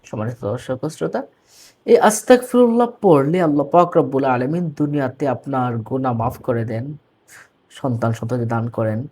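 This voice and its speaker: A man with a Bangladeshi Bengali accent giving a religious pronunciation lesson, addressing viewers formally and slowly drilling right and wrong forms of words. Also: medium pitch, a little mellow, husky. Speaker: religious teacher.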